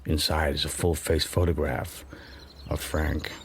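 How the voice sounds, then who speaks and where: An actor playing Tom, a watchful, worldly man in a radio drama, speaking in a measured, guarded way. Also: rumbling low, level tone, a little hiss or hum. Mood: brooding, confiding. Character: Tom, watchful worldly man sheltering a runaway, narrating his thoughts. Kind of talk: radio drama narration and dialogue. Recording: music under the voice.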